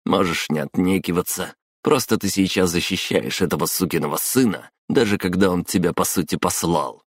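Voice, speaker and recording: Guy doing a pushy young guy, low and sharp, keeps pressing, dry sound. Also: breathy edge, dry recording. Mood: insistent. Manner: brisk, insistent, exclaiming.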